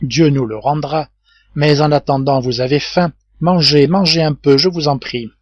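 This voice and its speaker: A man doing an earnest gentle teen boy. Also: a little high, moderate pace, dry recording, dull audio, close to an everyday voice.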